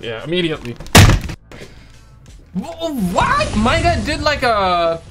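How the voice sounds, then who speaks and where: A man's voice: extremely high pitch, big pitch swings, takes it slowly. A young man hosting a reaction video with casual, slangy, exclamatory commentary, often repeating his phrases. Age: young adult. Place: home room with green screen. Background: music.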